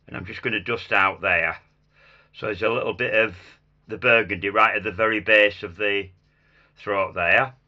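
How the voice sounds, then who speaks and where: A man with a croaky, hoarse voice giving a casual hands-on craft demonstration, muttering small asides to himself as he works. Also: on the low side, muffled recording. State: hoarse after a chest infection. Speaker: craft tutor demonstrating sugar flowers.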